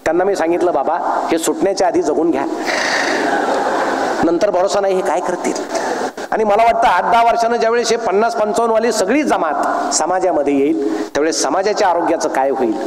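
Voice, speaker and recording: Guy with a high voice telling funny stories on stage, big echoey hall. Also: brisk, darkish tone, a little hiss or hum. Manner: storytelling with jokes, acts out dialogue. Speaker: public speaker. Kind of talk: humorous motivational speech to an audience. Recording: echoey hall with long reverb.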